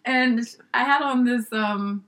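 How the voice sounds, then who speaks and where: A woman's voice: on the high side, unhurried, a bit bright. A woman guest in a casual interview recalls her childhood with lots of animation. She laughs often and mixes slang with a little swearing. She acts out the people she quotes in a chatty, easygoing way.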